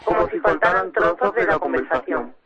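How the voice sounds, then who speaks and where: Una mujer entrevistada en la radio como madre, con la voz distorsionada y bajada de tono para ocultar su identidad. Cuenta su historia con cuidado y vacila a menudo. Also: female voice, expressive, a little fast, muffled recording, a crowd in the background. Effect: voice distorted and pitched down to hide her identity. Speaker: mother interviewed as radio guest. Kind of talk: personal account in a radio interview.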